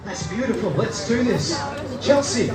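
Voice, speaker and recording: Male street-show host, 50s, high-pitched, cheeky comic crowd-hyper, picked up from a distance amid loud crowd noise. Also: normal speed, roomy sound, over loud music. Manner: showman, cheeky, hyping and joking with the audience. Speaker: street performer hosting a stunt show. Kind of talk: comedic crowd-hyping stage patter. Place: outdoor festival street show.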